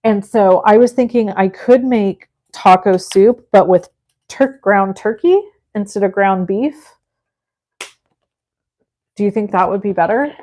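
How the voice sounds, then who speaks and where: Chatty forties woman, mid-pitched, casual live crafting host talking to her viewers. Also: a little slow, long pauses, mellow. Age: 40s. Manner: chatty, thinks aloud and talks to viewers. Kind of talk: casual chat while crafting.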